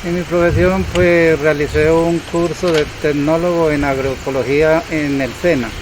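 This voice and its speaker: A man's voice: fairly high pitch, fairly even intonation, moderate pace. Man in his thirties, noisy background. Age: 30s. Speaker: agroecology technologist. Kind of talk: documentary interview.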